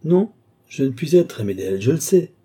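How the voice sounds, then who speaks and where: A crafty old marshal, as a man with a dark, husky voice reads him aloud, coaxing one moment and scolding the next. His voice jumps well above the reader's own low register into sharp, lively outbursts. It is audiobook character acting, cunning and impatient. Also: normal speed. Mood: scheming. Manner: wheedling, then scolding in sudden high bursts. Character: scheming old male marshal, sly and impatient.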